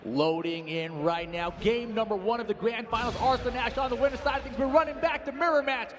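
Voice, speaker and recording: Fast-talking, high-voiced male esports commentator. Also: background noise. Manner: conversational back-and-forth analysis. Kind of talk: live fighting game commentary. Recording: music playing behind the voice.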